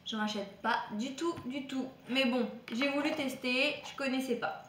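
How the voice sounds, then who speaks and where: A woman's voice: high-pitched, normal speed, reverberant, noisy background. A woman vlogger casually reviewing products from a shopping haul, chatty and hesitant, with frequent fillers and restarts. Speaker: beauty vlogger.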